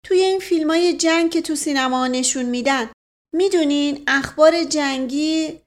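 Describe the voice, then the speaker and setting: A woman's voice: sits high, voice pushed up, natural voice. A woman voicing a cheeky young boy who keeps insisting and cutting in, in a storybook reading. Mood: insistent. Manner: eager, insistent interrupting.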